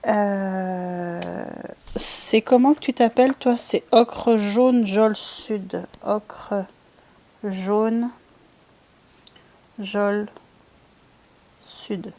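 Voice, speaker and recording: A woman's voice: mid-range voice, fairly even intonation, very slow, long pauses, warm tone. A woman chatting casually while painting, thinking aloud and answering viewers' comments in a playful put-on accent. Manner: playful, puts on a random accent. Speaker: streamer painting with watercolors.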